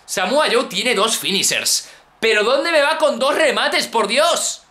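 Excitable high-voiced Spanish gamer. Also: male voice, unhurried, roomy sound. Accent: Peninsular Spanish. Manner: excitable, exclaims and repeats phrases, addresses viewers. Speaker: gaming YouTuber. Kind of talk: excited let's-play commentary.

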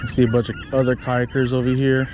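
A man vlogging from a kayak, giving relaxed, casual commentary to the camera between casts, recorded on a chest-mounted action camera outdoors. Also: medium pitch, quick pace, background noise. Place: on a kayak out on open water.

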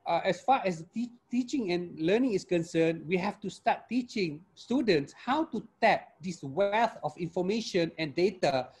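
An older man speaks in an academic panel over an earphone mic on a video call. His voice sits a little high for a man. He talks haltingly, filling gaps and tagging his points with quick questions. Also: lively intonation, darkish tone, slightly rough. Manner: hesitant, many fillers and tag questions. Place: home room with virtual background.

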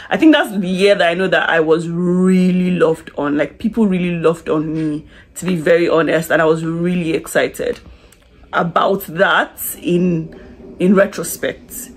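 A beauty vlogger in her twenties, with a fairly low voice, chats confidingly to a close-range camera in front of her while doing her makeup in a small curtained room. It's a casual get-ready-with-me talk, full of restarts and "like," with slight background noise.

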